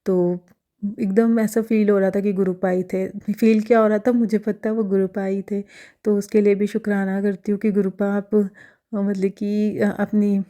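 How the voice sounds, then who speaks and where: A young woman sharing devotional experiences in casual talk, hesitant, with many fillers and pauses. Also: medium pitch, flat delivery, warm tone.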